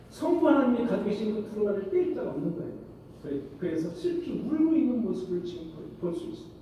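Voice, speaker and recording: A man with a high-pitched, dark-toned voice preaches as a pastor in a church sanctuary, often posing questions to the congregation and answering them himself. The recording sounds distant and echoey, with slight background noise.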